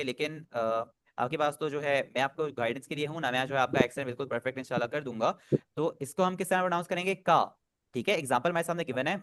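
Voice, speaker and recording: A man's voice: fairly high pitch, a bit bright, no echo. A man teaching an online Japanese class, patiently drilling pronunciation over a video call.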